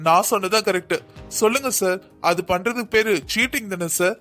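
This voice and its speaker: A high, quick male voice for a man playing a cocky young cartoon policeman who argues every point. He presses his case in a hurried, insistent way over light music. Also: fairly bright tone. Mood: arguing. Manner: boastful, argumentative. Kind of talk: cartoon dubbing.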